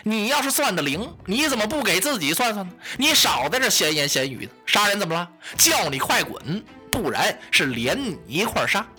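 A man's voice: high voice, big pitch swings, a little fast, few pauses, pushed and bright, breathy edge, soft background music, heavily acted. A man doing rude bullying constables. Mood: threatening. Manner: rude, blustering. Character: brutish male escort constables, threatening.

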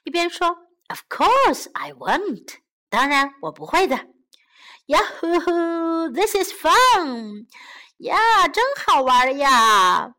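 A woman's voice: very high-pitched, huge pitch swings, slow, sharp tone, voice pushed up, full character voice. A woman voicing a carefree, selfish frog who whoops and plays in a children's storybook. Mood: gleeful. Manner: boisterous, whooping. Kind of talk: bilingual children's storybook reading.

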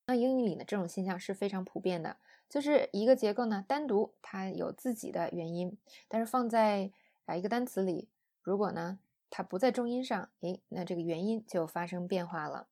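A woman's voice: medium pitch, brisk, warm tone. A woman teaching English pronunciation in an audio lesson, explaining patiently.

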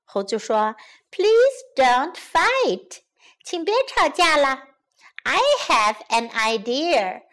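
A wise, kind monkey from a children's storybook, as a woman voices him. He speaks slowly and clearly in a high, lively voice. His tone is calm and friendly. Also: heavily acted. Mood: helpful. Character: clever, helpful male monkey. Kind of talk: bilingual children's storybook reading.

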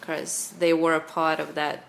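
A Russian woman with a Russian accent answers interview questions conversationally, reflecting on herself and pausing mid-thought. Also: deep voice, monotone, creaky, slight background noise. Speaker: interview guest.

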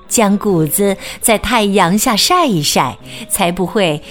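Expressive woman reading a bedtime story. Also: mid-range voice, slow pace. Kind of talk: children's storybook narration. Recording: faint background music.

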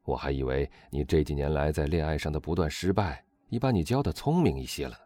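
Guy doing a calm, level-headed young gentleman in an audiobook, measured, mellow voice. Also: rumbling low, no room sound, studio quality. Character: calm, sensible young gentleman, man, wry.

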